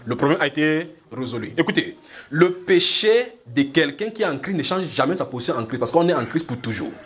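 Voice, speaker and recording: A man from Cameroon preaching a sermon to a congregation, lively, acting out small scenes and chuckling as he teaches. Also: fairly quick, breathy edge. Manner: lively, acts out little scenes with shifting pitch, chuckles while preaching.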